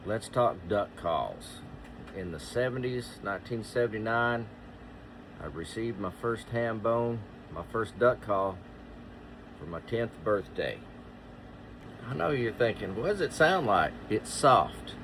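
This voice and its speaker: A man in his sixties speaking to viewers in a reflective, deliberate monologue, pausing often and posing rhetorical questions. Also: on the low side, animated, noisy background. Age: 60s. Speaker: duck hunter and caller, vlogger.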